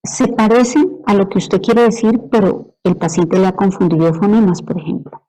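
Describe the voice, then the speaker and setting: A woman's voice: mid-range voice, steady tone, moderate pace, mellow, rough recording. A woman lecturing on medicine, explaining patiently and checking in with her students after each point. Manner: explanatory, asks "¿sí?" to check understanding. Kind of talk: university lecture.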